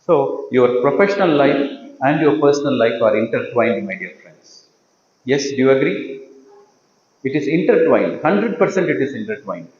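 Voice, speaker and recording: A man's voice: mid-range voice, very animated, normal speed, darkish tone. A male meditation teacher, giving a motivational talk to teachers, repeating his points and asking the audience questions. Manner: repetitive, asks the audience questions. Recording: dull echoey hall recording.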